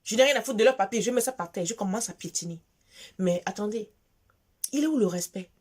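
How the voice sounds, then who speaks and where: A woman's voice: mid-range voice, brisk, darkish tone, husky. A woman from Gabon with a Gabonese French accent, delivering an emphatic, scolding monologue to her viewers and repeating phrases for force. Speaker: vlogger. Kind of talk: impassioned monologue addressed to viewers.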